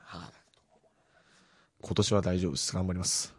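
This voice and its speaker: A man hosting a casual radio show and reading out listener letters, soft-spoken and self-deprecating, his voice often trailing off quietly. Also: low voice, fairly even intonation, moderate pace, slightly rough, dry recording, clean studio sound. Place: radio studio.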